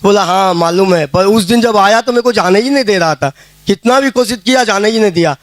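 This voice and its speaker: A man's voice: high-pitched, fairly quick, no echo. A man giving a casual spoken testimony at a prayer meeting, telling his story plainly and acting out the dialogue he quotes. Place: prayer hall.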